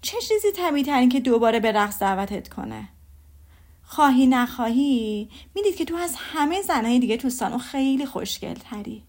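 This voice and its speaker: A woman's voice: a little high, animated, a little mellow. A woman reading aloud voices a witty, confident young woman with a teasing manner.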